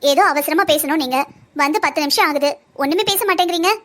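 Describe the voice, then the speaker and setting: A woman's voice: sits high, fast, a bit bright. A woman voicing a worried young bride-to-be who presses anxiously for answers in a cartoon drama.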